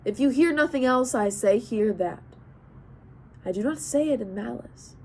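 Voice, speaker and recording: A woman voicing a calm, cunning male king and counselor who speaks in a measured, wry way. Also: a little high, slight background noise.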